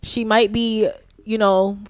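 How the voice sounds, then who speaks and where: A young woman guest on a podcast, chatting casually in an animated, gushing way and leaning on "like". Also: mid-range voice, takes it slowly, dry recording. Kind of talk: casual chat.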